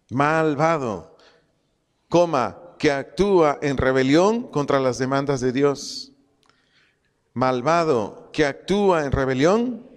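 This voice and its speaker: A man's voice: fairly high pitch, big-room sound. A man teaching a Bible study, asking questions and answering them himself, repeating key phrases and spelling out Greek words.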